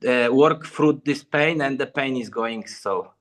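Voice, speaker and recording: Calm plain-spoken man in his thirties. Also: mid-range voice, a little slow. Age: 30s. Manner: calm, plain-spoken, simple non-native phrasing. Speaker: guest. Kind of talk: casual video-call chat.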